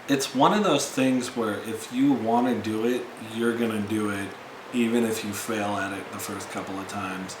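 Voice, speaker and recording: Relaxed comic speaking in an interview, lower voice, echoing room with steady background noise. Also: male voice, moderate pace. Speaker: comedian being interviewed. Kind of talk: casual interview. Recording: roomy with noisy ambience.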